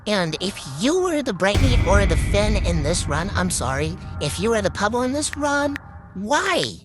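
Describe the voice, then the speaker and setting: A woman's voice: medium pitch, moderate pace, over music. A woman commenting casually on her own gameplay footage, exasperated and rambling, restarting her sentences often. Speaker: gaming video creator. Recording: steady background noise.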